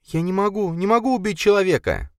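A man voicing a frightened young woman, pleading in high, tearful cries. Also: animated, fairly quick, dry recording, clean studio sound. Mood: desperate.

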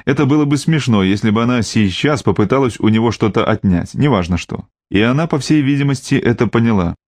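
Male audiobook narrator, measured read, middle pitch, dry close mic. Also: expressive, darkish tone, dry recording. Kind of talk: scripted narration.

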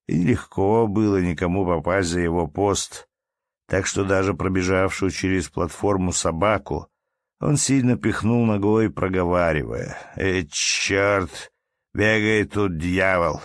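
Male narrator, low voice, measured classic storytelling, dry close recording. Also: no echo. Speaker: audiobook narrator. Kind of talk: scripted literary narration.

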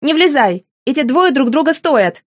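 A woman's voice: high voice, big pitch swings, normal speed, no echo, studio quality, voice pushed up. A woman voicing a sardonic teenage girl who brushes things off in a flippant, mocking way. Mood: dismissive.

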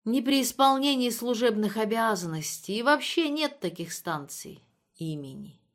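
A woman reading a grieving woman's lines in an audiobook, speaking quietly and listlessly. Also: a little high, animated, moderate pace, lightly acted.

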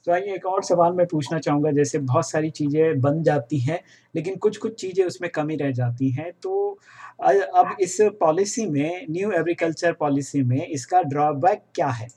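A man hosting a radio interview, asking questions in a measured way and murmuring short agreement while his guest speaks. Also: on the high side, dark tone, husky. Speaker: radio host.

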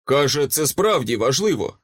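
A man voicing a calm, patient grown man who talks mildly and hesitantly. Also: mid-range voice, normal speed, no room sound, clean studio sound.

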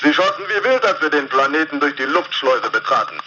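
An actor playing a stranded spaceship captain in a radio play, reporting in a plain, matter-of-fact way through a sci-fi radio communicator. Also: male voice, fairly high pitch, sing-song, fairly quick, pushed and bright. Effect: sci-fi radio communicator transmission. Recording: dull lo-fi sound with clear hiss.

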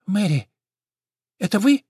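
A man voicing a small, anxious male sparrow in a storybook reading, with a high twittering voice. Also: lively intonation, normal speed, a bit bright, dry recording, clean studio sound. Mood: panicked.

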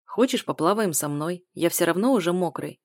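A woman voicing a confident, persistent man who speaks calmly and insistently in an audiobook. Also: fairly low pitch, normal speed, no room sound, clean studio sound, natural voice. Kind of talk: audiobook dialogue reading.

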